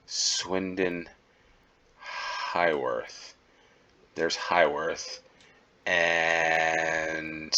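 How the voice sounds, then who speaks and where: A man from the United States rambles through casual gameplay commentary at home, thinking out loud and filling pauses with ums and uhs. His voice sits low, yet its tone is bright and forceful. He talks like a channel host chatting to his viewers. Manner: rambling, thinking aloud with many fillers.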